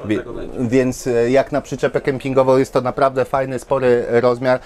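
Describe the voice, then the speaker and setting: Here the same kind of presenter, a Polish man in his thirties on a lapel mic, walks viewers through caravans at an indoor trade fair with plenty of enthusiasm and many fillers. He speaks at normal speed in a medium-pitched, slightly mellow voice with a level tone.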